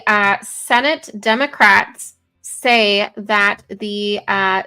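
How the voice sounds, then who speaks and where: A woman's voice: medium pitch, bright, forceful tone. A woman co-hosting a casual political talk show, reading news articles aloud with many fillers and self-corrections. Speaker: co-host.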